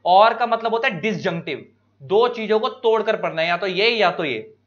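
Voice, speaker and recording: An Indian man lecturing students, explaining each point slowly with examples and stretching key words. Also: sits high, fairly bright tone. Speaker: teacher. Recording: dull lo-fi recording.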